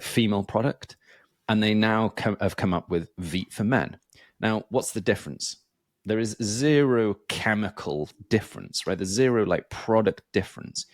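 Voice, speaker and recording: A podcast host rambles through a casual chat, full of fillers and restarts. His voice is lowish, and the studio sound is clean with no echo.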